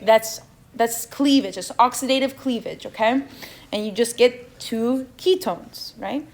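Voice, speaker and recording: A young woman with a non-native English accent leading an exam review session, asking the students questions and checking in with "okay?" as she goes. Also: fairly high pitch. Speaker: chemistry review session leader.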